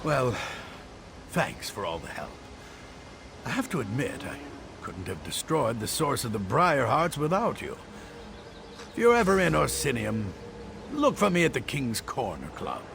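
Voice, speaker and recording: A man's voice: mid-range voice, sing-song, unhurried, creaky, long pauses. An actor playing a jovial, worldly male adventurer with a hearty, theatrical manner, in a video game. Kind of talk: game voice acting. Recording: game audio with background noise.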